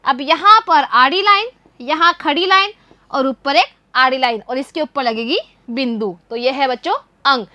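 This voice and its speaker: Woman teacher for young kids, high and bright, patient call-and-response, dry close recording. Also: normal speed, dry recording, highs cut off. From India. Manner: patient, repeats questions and answers for young children. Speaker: primary school teacher. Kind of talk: children's Hindi writing lesson.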